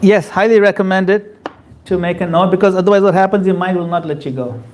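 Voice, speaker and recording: In a temple hall, a spiritual teacher gives a conversational class, acting out quoted voices as he explains. His voice sits high with a darkish tone, and he speaks fast.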